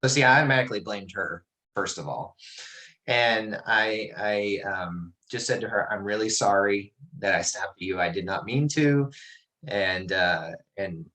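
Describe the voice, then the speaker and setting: A middle-aged man teaches a small class over a video call, his low-pitched voice carrying a bright, forceful edge. He tells personal stories in a relaxed, reflective way, often stopping to restart a sentence. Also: measured pace, poor audio.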